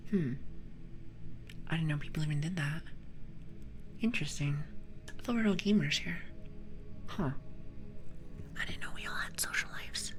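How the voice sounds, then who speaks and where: A young woman from Portugal chatting playfully with viewers in a soft, mostly unvoiced ASMR whisper. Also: sits low. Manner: playful, teasing chat with viewers. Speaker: ASMR streamer. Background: soft background music.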